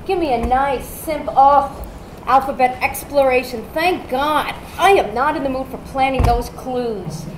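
A woman's voice: high voice, measured pace. An actress on stage playing a wry, harried woman who hosts children's parties. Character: harried adult woman party host, wry. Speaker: party host at a children's play space. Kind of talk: stage musical acting. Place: off-Broadway theater stage. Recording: echoey stage with audience noise.

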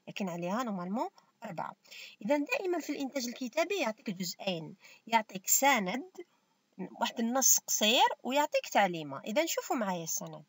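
A woman's voice: a little high, dry recording. A woman teacher with an Algerian Arabic accent, giving a step-by-step revision lesson and asking and answering her own questions. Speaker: primary school teacher.

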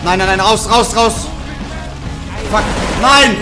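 A man in his twenties streams a game in a berserk rage, his voice pushed extremely high. He shouts and curses into a close desk microphone, with music clearly playing behind him. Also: takes it slowly. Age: 20s. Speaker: gaming streamer. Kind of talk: excited let's play commentary. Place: small indoor room. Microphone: close desk microphone, headset worn.

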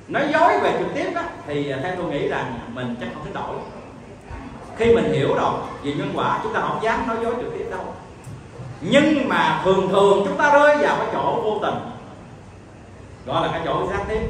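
A man's voice: high-pitched, a bit bright, a little hiss or hum. A man with a Southern Vietnamese accent giving an emphatic sermon, telling a story and acting out its dialogue. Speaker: preacher. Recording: echoey hall, distant mic.

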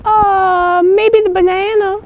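A tiny-voiced cartoon bear, sky-high and squeaky, who shrugs off every question with smug indifference. The sound is a little dull and muffled. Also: male voice, takes it slowly. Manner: flat, couldn't-care-less squeaky answers.

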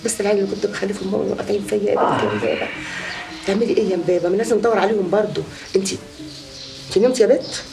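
A woman's voice: mid-range voice, expressive, racing, warm tone, soft background music, close to an everyday voice. An actress with an Egyptian accent playing a boastful, gossiping woman who has married many times. She tells her story in a chatty, exaggerating way. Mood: boasting. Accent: Egyptian Arabic.

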